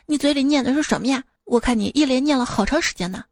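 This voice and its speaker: A woman's voice: high voice, fast, darkish tone. A woman voicing the monkey king, a restless, cheeky disciple who whines and complains to his master. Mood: whining.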